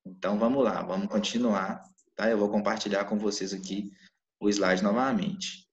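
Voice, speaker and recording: This man speaks at a moderate pace in a fairly low, fairly even voice while teaching Portuguese to students online in real time. He peppers his explanations with "né?" and "tá?" to check they're following. Echo fills the room, picked up by a dull, lo-fi microphone.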